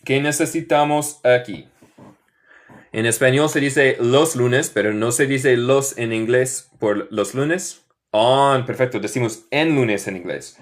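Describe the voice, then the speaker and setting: An American man with a Northern US accent, a native English speaker, teaching English in Spanish with slow, drawn-out model phrases in a live online lesson. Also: mid-range voice. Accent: Northern US (Michigan). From United States. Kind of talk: live online lesson, reading chat questions.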